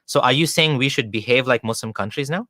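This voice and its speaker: A man's voice: mid-range voice, fast talker, bright, forceful tone, no room sound, clean studio sound. A man hosting an interview, talking in long discursive stretches and filling his sentences with "you know" and "like". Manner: discursive, leans on "you know" and "like", argues points at length. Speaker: interview host. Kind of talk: conversational interview.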